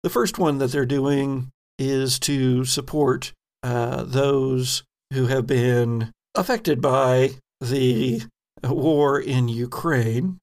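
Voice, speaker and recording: As game master and podcast host, a man narrates a tabletop horror role-playing game with dramatic storytelling. He speaks extremely slowly in a medium-pitched, darkish voice with fairly even intonation.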